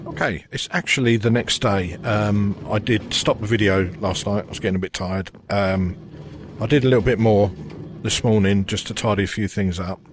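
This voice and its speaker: A man with a low-pitched voice talks through his gameplay in an easygoing, thinking-aloud way, full of little ums and uhs. A faint hiss of noise sits under the recording. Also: normal speed. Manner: relaxed, thinking aloud with many fillers. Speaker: gaming channel host. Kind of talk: casual gameplay commentary.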